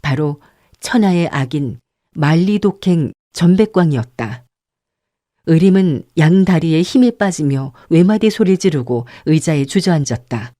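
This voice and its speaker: A woman narrating an audiobook in a calm, measured storytelling manner. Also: low voice, dry recording, clean studio sound. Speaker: audiobook narrator and channel host.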